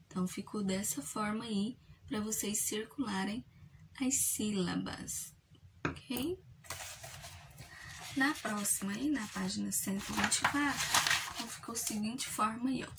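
A Brazilian woman teacher giving a recorded lesson to young children, slowly spelling out syllables and reading short poems aloud. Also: medium pitch, recorded from a distance, background noise. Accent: Brazilian Portuguese. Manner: slow, clearly spelled-out syllables for young learners.

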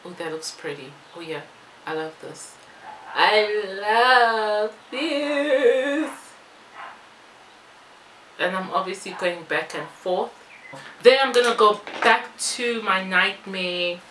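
This time her medium-pitched voice is animated and a bit bright, slow-paced with frequent pauses, as the Belgian-born, South Africa-based vlogger does a makeup tutorial and Q&A. She stays informal, wandering off into asides while busy with her makeup. Sound bounces around the small, bare-walled room, with some background noise.

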